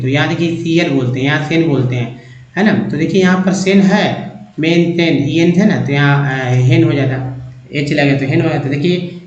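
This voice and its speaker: A man teaching English reading, spelling out letters and then sounding out each word part, one by one. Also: fairly high pitch. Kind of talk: phonics lesson, explaining word parts. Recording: echoey, dull lo-fi room sound.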